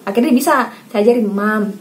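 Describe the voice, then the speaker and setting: A woman's voice: medium pitch, quick pace, darkish tone, slight background noise. A woman in her thirties, a parenting vlogger from Indonesia, chatting casually to camera, often addressing viewers as Mams and acting out how she talks to her child.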